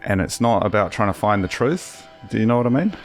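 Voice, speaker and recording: A man hosting a podcast, talking in a relaxed, rambling way with casual swearing. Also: lowish voice, a little fast, soft background music. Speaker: podcast host. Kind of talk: casual conversational interview.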